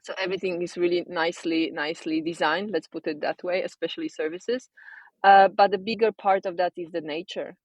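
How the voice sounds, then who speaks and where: A woman with a Polish accent, a designer and coach speaking casually as an interview guest, thoughtful and pausing to search for words. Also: on the low side, fairly even intonation, dry recording, lo-fi sound. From Poland.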